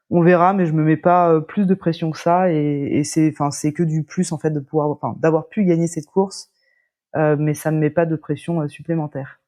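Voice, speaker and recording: A woman from the French Atlantic coast, a sailor in an interview, speaking hesitantly and often pausing to search for words. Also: deep voice, dark tone. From La Baule, France. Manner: hesitant, many fillers and restarts. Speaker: sailor guest. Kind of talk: casual interview chat.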